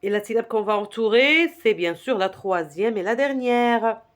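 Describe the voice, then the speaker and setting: A woman with a slightly high, expressive voice teaches young children a reading lesson, sounding out words slowly and repeating them so the class can echo her.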